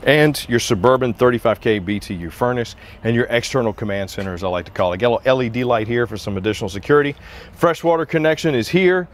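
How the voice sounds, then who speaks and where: Speaking fast in a mid-range voice, this forties-aged man walks viewers around an RV on an outdoor sales lot. His casual, upbeat sales talk, full of conversational patter, is picked up by a lapel mic.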